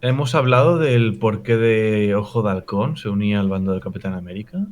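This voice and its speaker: A man's voice: lowish voice, a little fast, darkish tone. A man, a podcast co-host who talks hesitantly and repeats his words. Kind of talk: casual film review chat.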